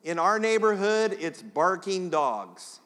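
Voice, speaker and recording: A man's voice: high-pitched, very animated, slow pace, a bit bright, big-room sound. A man preaching a sermon as pastor, chatting straight to the congregation in a conversational way.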